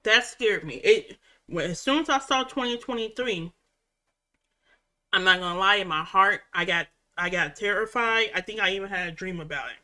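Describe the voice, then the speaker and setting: A woman's voice: mid-range voice, moderate pace, bright, forceful tone. A woman chatting casually at home as a reaction vlogger, rambling with restarts as she recaps a show. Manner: rambling, frequent restarts and fillers.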